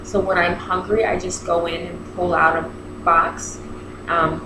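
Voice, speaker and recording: A woman's voice: on the low side, a little slow. A woman in her thirties with braces in her mouth, chatting casually in a rambling vlog style and often interrupting herself. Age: 30s. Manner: rambling, self-interrupting, animated retelling with quoted dialogue. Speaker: vlogger. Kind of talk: casual chat to camera. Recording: echoey room with clear background noise.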